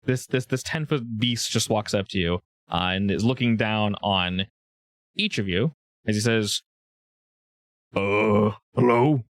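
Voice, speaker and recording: A man's voice: on the low side, normal speed, fairly bright tone, no room sound, studio quality. Man casually narrating as game master.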